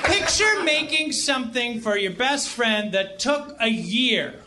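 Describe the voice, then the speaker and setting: A man's voice: very high-pitched, animated, measured pace, a loud crowd, heavy background noise. A man telling stories in casual comic banter, profane, indignant and sarcastic in manner.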